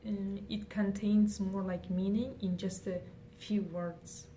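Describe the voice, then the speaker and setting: Answering interview questions in English, this young woman from Kazakhstan, a native Kazakh speaker, often restarts and leans on fillers. She speaks slowly with a warm, medium-pitched voice and fairly even intonation. The recording has faint noise and she's far from the mic.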